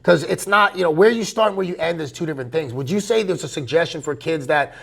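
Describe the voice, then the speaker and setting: Gravelly, higher-pitched man, rambling interviewer. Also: quick pace. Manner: rambling, long wind-up questions. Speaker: interviewer, high school baseball coach. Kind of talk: casual interview chat.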